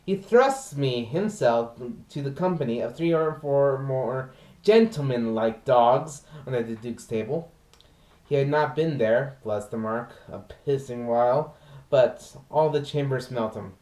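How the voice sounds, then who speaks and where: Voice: a little slow, mellow, natural voice. Vlogger playing a comic servant grieving over his dog. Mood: storytelling. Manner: theatrical, swooping emphasis with sudden high outbursts. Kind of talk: rehearsing a Shakespeare comic monologue. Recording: roomy echo, from mic distance.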